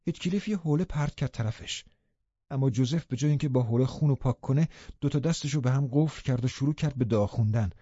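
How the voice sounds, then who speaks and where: A man's voice: mid-range voice, dark tone, no room sound, lo-fi sound. A man narrating a classic novel in first person as an audiobook, reading expressively and dramatically.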